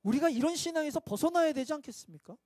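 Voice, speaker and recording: A pastor preaches a sermon at a midweek church service, conversational and self-mocking, tossing rhetorical questions at his listeners. His voice is extremely high-pitched, animated, and very fast with a darkish tone, in a dry recording.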